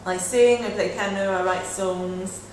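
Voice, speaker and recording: A woman's voice: mid-range voice, steady tone, a little slow. A woman from Israel who sings and writes songs, answering questions in an easygoing, frank way. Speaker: singer and songwriter. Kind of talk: casual interview answers. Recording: roomy echo, distant mic, noise in background.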